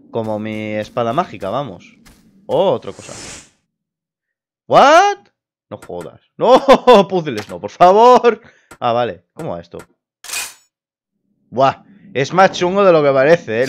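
A young man giving casual let's play commentary, excitable and quick to swear. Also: medium pitch. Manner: excitable, swears, laughs at scares. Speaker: gamer.

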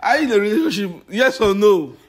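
Fast, teasing male street interviewer. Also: sits high, very animated. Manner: teasing, quick-fire questions.

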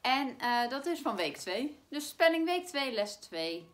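Slow, lively-voiced Dutch woman teacher. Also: high-pitched. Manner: slow, clear, stretches words to spell them out. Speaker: primary school teacher. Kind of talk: recorded spelling lesson for pupils.

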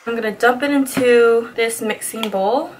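A beauty vlogger in her twenties chats through a tutorial in a small indoor studio, bubbly and slangy and swearing casually. Her voice is a little high and her speed normal. There is slight background noise.

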